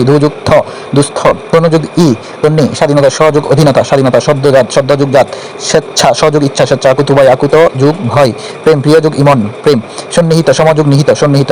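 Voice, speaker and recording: A somewhat high-voiced man runs through a grammar drill, listing item after item. He stumbles now and then and picks right back up. A faint hiss sits under the recording. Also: a little mellow, low-quality recording. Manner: rapid rote listing with small slips. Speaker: teacher. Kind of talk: reciting grammar drill for exam prep.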